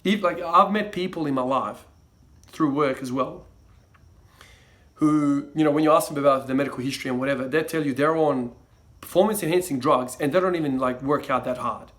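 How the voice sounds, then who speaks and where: A young Croatian-born man raised in Australia, a fitness vlogger, chats casually to camera, rambling with lots of fillers and restarts. His voice sits on the high side, a bit bright, and moves a little fast.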